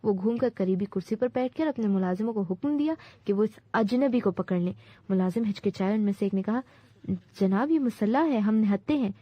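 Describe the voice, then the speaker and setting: A woman narrating a translated classic novel in a steady, clear reading voice. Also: mid-range voice, no room sound. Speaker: audiobook narrator. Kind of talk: scripted storybook narration. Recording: dull dry recording.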